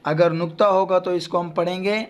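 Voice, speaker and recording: Speaking in a high, steady voice, a man with a Pakistani Urdu accent teaches children Quran letter pronunciation. Between explanations, he draws out each letter's sound.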